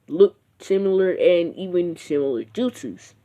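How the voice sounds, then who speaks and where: Mellow-voiced rambling fan storyteller. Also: medium pitch, lively intonation, unhurried. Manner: rambling, with frequent fillers and restarts. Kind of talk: casual fan-fiction storytelling.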